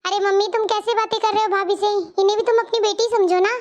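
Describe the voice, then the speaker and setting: A woman voicing a kind young sister-in-law in a cartoon story, with a high, squeaky voice and a gentle, soothing manner. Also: fairly even intonation, fast talker.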